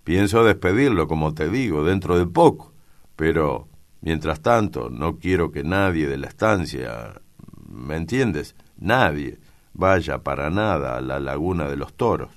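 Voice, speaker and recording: A gruff old ranch owner, insistent and blustering, as a male audiobook reader puts him on. His very deep voice is pushed higher and louder than a plain reading, hammering each point. It comes across as a stubborn old father in a storybook. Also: animated, unhurried, full character voice. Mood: vehement. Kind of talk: audiobook character voice.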